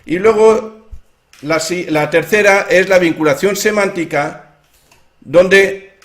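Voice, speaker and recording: Man, fairly high voice, hesitant, lots of fillers, informal lecture. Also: fairly bright tone. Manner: hesitant, many fillers and restarts. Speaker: author explaining his theory of language.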